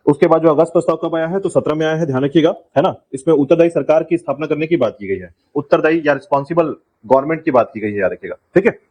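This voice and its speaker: Man, exam-prep lecture, quick delivery, raised pitch, repetitive reminders. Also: darkish tone, low-quality recording. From India. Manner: repetitive, drills key points, keeps saying remember. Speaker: teacher.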